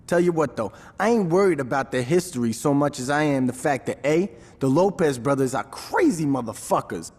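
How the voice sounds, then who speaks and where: A male actor with a somewhat high voice plays a calm, strategic gang planner in video game cutscenes. His delivery is dry, sarcastic, and deliberate.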